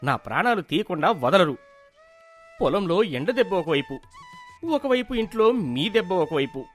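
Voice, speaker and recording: A man doing a worn-out young farmer husband in a cartoon, pleading and exasperated, his voice pitched high and swinging wildly up and down. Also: sing-song, normal speed, faint music behind. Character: distressed young farmer husband, weary and timid. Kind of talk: cartoon voice acting.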